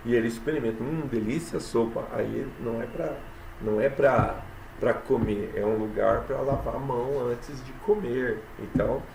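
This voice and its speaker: A man teaching literature in a mid-range, gravelly voice. He explains patiently and keeps checking in with his students. He reads verses slowly to count the syllables. The sound is echoey, with faint background noise. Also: mid-range voice, a little mellow. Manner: explanatory, repeats "tá?" and "né?" often. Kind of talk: recorded classroom lesson. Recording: echoey room with light ambient noise.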